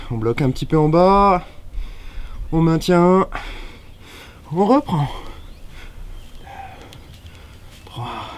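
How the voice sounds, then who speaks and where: A man runs a guided workout as a fitness coach, his voice sitting noticeably high for a man. He keeps things upbeat and chatty, counting reps aloud and tossing in casual remarks between sets. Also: darkish tone. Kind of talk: guided home workout instruction.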